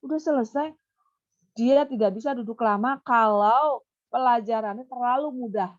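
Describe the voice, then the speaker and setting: Woman education consultant, animated teacher's delivery, slightly high voice, muffled webinar sound. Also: normal speed. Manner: animated, acts out coaxing a child in a high sing-song voice. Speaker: child education consultant and behaviour therapist. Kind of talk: webinar talk. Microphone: webinar computer mic. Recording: muffled online webinar audio.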